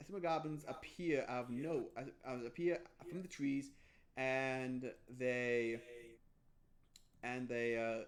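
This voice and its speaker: A young man narrating a tabletop game as game master, stumbling over words and restarting often. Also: medium pitch. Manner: halting, many restarts and fillers.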